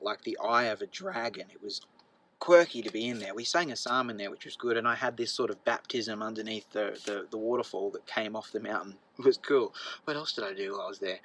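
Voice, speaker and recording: Guy giving a talk, rambly and chatty, lots of ums, gets all excited. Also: mid-range voice, rough recording. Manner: chatty and anecdotal, many ums and uhs. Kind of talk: public talk.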